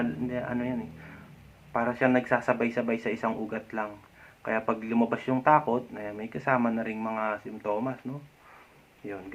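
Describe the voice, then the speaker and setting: A man vlogging casual advice in a chatty way, often ending his points with a tag question and letting out a soft chuckle now and then. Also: medium pitch, noisy background. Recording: dull lo-fi sound.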